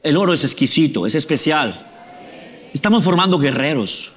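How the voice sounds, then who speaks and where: A man's voice: on the high side, expressive, moderate pace, big-room sound. A male pastor preaching a sermon conversationally, often asking the congregation questions.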